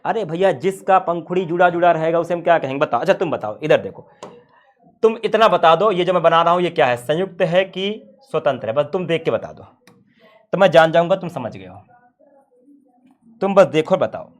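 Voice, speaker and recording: A man's voice: on the high side, lively intonation, fairly quick. A man teaching a science class, playful and full of rhetorical questions to his students.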